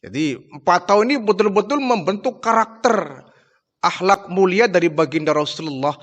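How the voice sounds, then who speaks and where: A male Islamic preacher telling a religious history story in an expressive, dramatic way. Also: high-pitched, moderate pace. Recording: long hall reverb.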